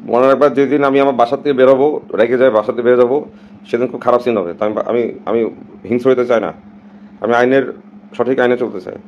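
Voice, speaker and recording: A man's voice: medium pitch, steady tone, quick pace, muffled recording, slight background noise. A man from Bangladesh, talking casually and emphatically to his viewers on a live stream and slipping English phrases in.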